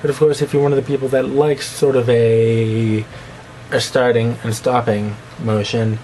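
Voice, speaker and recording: The young man speaks flatly at a normal speed, his dark-toned voice and slight lisp coming through a rough recording with some background noise. His casual monologue to camera wanders and pokes fun at himself, broken up by squeaky mock voices.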